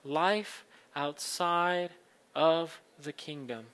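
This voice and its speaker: A man's voice: on the high side, extremely slow, fairly bright tone. A man speaking as a pastor in a church sermon and communion liturgy, earnest and kindly, building his point through short repeated phrases. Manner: rhetorical repetition in short phrases.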